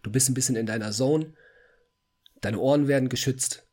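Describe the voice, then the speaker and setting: A man's voice: medium pitch, normal speed, a little mellow. A young man in his twenties co-hosting a casual podcast chat, rambling and repeating himself as he makes his points. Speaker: podcast co-host.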